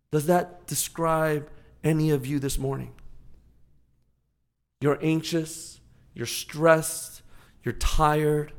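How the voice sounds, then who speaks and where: Male pastor, forties, slightly raised pitch, conversational storytelling sermon. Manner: storytelling, animated, conversational asides.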